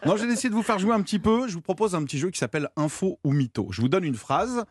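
A man with a slightly high voice runs a playful radio quiz, teasing his guests with theatrical, jokey delivery. The studio sound is dry and close, with no room echo. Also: expressive, fast, husky. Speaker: radio columnist.

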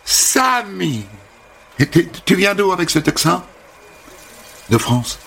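A woman's voice: fairly low pitch, big pitch swings, takes it slowly, gravelly, fairly bright tone, slightly rough, pitched above the performer's own voice, full character voice. A man voicing a bubbly, chatty young American hairdresser woman who gushes and stammers slightly. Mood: gushing. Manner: gushing, effusive, stammers slightly.

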